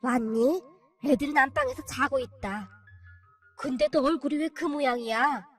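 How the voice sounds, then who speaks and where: A woman's voice: high-pitched, moderate pace, faint music behind, voice pushed down. Woman playing a worried elderly mother-in-law. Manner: anxious, hushing.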